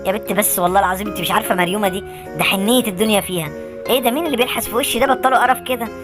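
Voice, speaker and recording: A woman with an Egyptian accent voicing a dreamy young animal who speaks in a soft, lovestruck way. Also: mid-range voice, very fast, music in the background, lightly acted. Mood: adoring.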